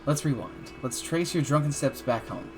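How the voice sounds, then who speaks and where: Over game music, a man with a mid-range voice gives casual live commentary on the video game he's streaming, speaking at a moderate pace. He keeps things loose and playful, drinking and swearing frequently.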